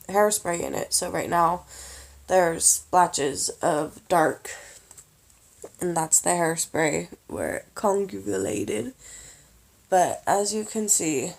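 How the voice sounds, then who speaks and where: A tired woman giving casual budgeting advice in a vlog, slow and halting with lots of pauses and fillers. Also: on the low side, vocal fry, a little mellow. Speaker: vlogger.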